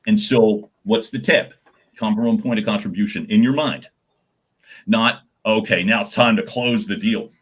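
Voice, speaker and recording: A guest voice coach answers questions in a live Q&A, giving advice in a slightly husky, breathy voice that sits on the low side. He speaks at a normal speed with animated energy, repeating words as each thought gets going. His voice is naturally loud.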